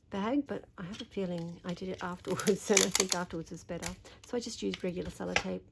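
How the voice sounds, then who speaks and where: An Australian woman with a slightly croaky voice, talking through a papercraft tutorial while she folds and trims, chatty and thinking aloud. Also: medium pitch, background noise. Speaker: papercraft demonstrator. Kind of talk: craft tutorial narration.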